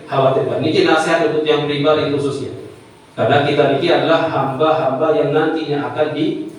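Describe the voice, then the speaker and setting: Guy giving a sermon, voice climbs when the story heats up, big echo, mic kinda far off. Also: fairly high pitch. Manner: storytelling with rising emotional emphasis. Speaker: preacher. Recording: echoey hall, distant mic.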